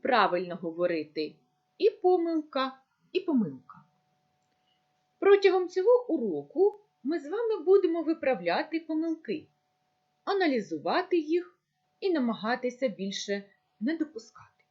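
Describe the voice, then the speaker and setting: A woman teacher giving a recorded lesson, speaking slowly and deliberately as if dictating. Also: high-pitched, big pitch swings, highs cut off. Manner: slow, deliberate dictation-like delivery.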